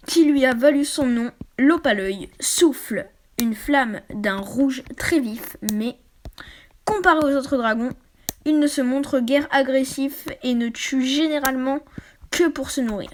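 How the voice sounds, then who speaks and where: Girl reading a book out loud on her channel, high voice, keeps tripping on words and fixing them. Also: slight background noise. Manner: stumbles over words and corrects herself often; drops into quiet, quick asides. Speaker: YouTuber reading a book aloud. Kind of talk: casual read-aloud with asides.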